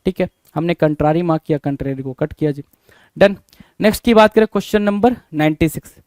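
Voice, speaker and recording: A man with a fairly high voice teaches an exam-prep spelling lesson, spelling out each word letter by letter and firing rhetorical questions back at his students. His voice is smooth and clear, recorded close with a dry, deadened sound. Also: fairly quick, darkish tone, no room sound.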